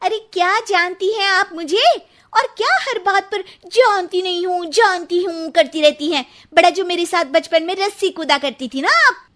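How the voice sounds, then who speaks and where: A voice actor voices a quarrelsome young daughter-in-law in a cartoon, taunting and bickering. Her voice is very high-pitched and a bit bright, at a normal speed.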